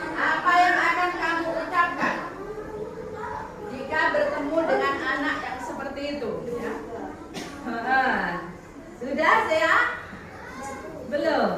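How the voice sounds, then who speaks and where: A woman teacher running a primary school class, calling on pupils by name and encouraging them. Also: high voice. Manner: encouraging, calls on pupils by name, leads applause. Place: classroom full of children. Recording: very echoey classroom, distant mic, noisy.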